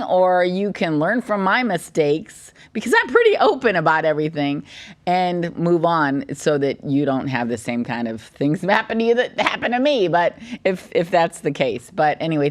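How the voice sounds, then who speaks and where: A middle-aged woman hosting a podcast, talking in a chatty, open and animated way and laughing easily. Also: lowish voice. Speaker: podcast host. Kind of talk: casual podcast chat.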